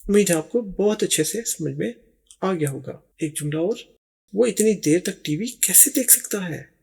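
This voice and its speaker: A man teaching English as a voice-over lesson, native Urdu speaker, drawing out the English examples word by word between quicker explanations. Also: sits high, animated, vocal fry, a little mellow, slightly rough. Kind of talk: language lesson narration.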